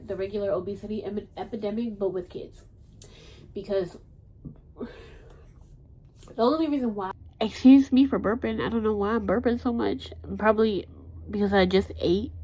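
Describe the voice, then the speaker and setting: Warm-voiced woman rambling bluntly. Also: mid-range voice, low-quality recording. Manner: rambling, blunt, swears freely. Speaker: podcast host. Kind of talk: casual chat.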